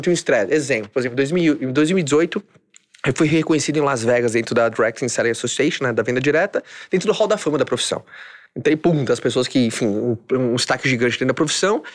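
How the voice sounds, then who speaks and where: A man with a Brazilian Portuguese accent, chatting casually and telling stories in an animated, slangy way. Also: mid-range voice, quick pace. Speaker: podcast guest. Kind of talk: casual chat.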